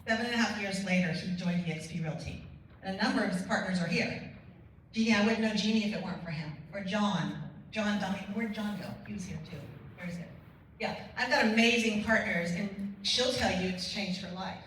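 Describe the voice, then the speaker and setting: A woman delivers an energetic keynote full of stories and quoted conversations. She sounds a little distant from the mic, in a very echoey hall with a faint room hum behind her. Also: medium pitch, a little fast. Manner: energetic storytelling with quoted dialogue. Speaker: motivational speaker. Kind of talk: conference keynote speech. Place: large conference hall.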